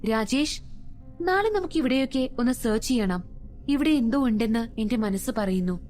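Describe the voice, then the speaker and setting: A woman's voice: fairly high pitch, lively intonation, moderate pace, darkish tone, soft background music, lightly acted. A woman voicing an eager, urgent young male investigator in a storybook reading.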